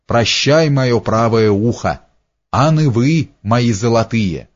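Мужчина читает разбойника-атамана: тёплый, простой, неторопливый. Звук тусклый, без верхов, средний голос. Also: male voice, medium pitch, slow pace, lightly acted. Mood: радостно. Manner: joyful, folksy speech. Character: Мирон, remorseful freed robber chief, warm. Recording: dull lo-fi recording.

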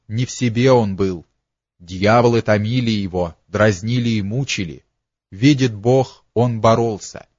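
A man reading a literary story aloud as narrator, in a slow, dramatic storytelling manner. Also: mid-range voice, dry recording, muffled recording.

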